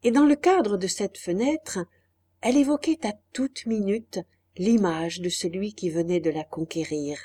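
Woman reading an old novel aloud, slow and unhurried, warm dark tone. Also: mid-range voice. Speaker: audiobook narrator. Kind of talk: literary audiobook narration.

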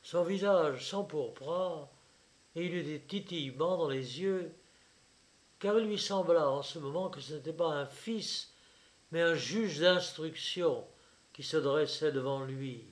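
A man narrating a novel aloud in a dramatic, expressive reading. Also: fairly high pitch, a little slow.

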